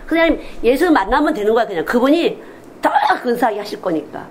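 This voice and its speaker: A woman's voice: on the high side, brisk, slight background noise, low-quality recording. A woman missionary preaching a Sunday sermon in a candid, confessional way, often acting out quoted speech. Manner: animated, acts out quoted speech in different voices.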